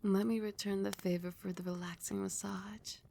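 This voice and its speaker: In a soft, breathy ASMR roleplay that often slips into a whisper, a woman lightly acts out a doting, dominant and seductive vampire queen, offering slow, soothing endearments. Her mid-range voice barely shifts in pitch, and there is a little hiss or hum in the recording.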